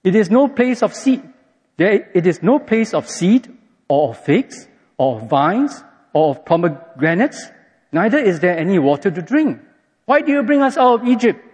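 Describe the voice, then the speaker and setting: A preacher acting out a whiny thirsty desert grumbler. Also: male voice, high-pitched, big pitch swings, moderate pace, darkish tone, husky, in a large hall, voice pushed up, heavily acted. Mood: whining complaint. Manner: whiny, exasperated, sarcastic. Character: grumbling thirsty ancient desert complainer, male adult.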